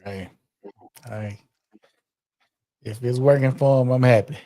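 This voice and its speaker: A man co-hosting a podcast in casual chat, relaxed, answering in short affirmations and laughing easily. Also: mid-range voice, takes it slowly, no echo, clean studio sound. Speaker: podcast co-host.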